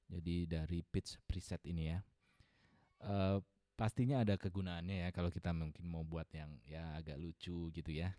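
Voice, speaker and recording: A man's voice: low-pitched, dark tone, dry recording, studio quality. A man casually demonstrating an audio mixer, chatty and adding "ya" to most sentences, speaking into a podcast mic in a room with a ceiling fan. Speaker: tech reviewer. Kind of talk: casual product demo. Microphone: dynamic podcast mic through a mixer.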